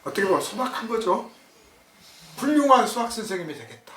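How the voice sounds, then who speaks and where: A male pastor delivers a sermon with lively, swooping pitch, breaking into little acted-out conversations as he tells his story. He is recorded from some distance in an echoey church hall, with a faint hiss underneath. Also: brisk. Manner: animated storytelling, acts out dialogue.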